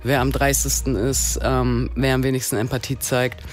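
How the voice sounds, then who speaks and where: A woman in her forties from Berlin, a rapper and guest, talking casually and haltingly with many fillers. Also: a bass voice, flat delivery, faint music behind. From Berlin, Germany. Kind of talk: casual interview talk.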